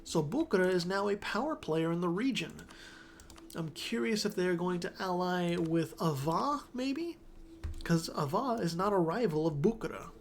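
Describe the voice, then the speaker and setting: Animated and moderately paced, this high-sitting male voice rambles through casual strategy-game commentary, fixing his own slips as he goes. He sounds stuffed up, with a little noise in the background.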